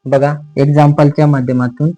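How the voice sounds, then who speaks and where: A man with a Marathi accent teaching an English pronunciation lesson, slowly and deliberately, repeating words syllable by syllable. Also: fairly high pitch, flat delivery, mellow, poor audio.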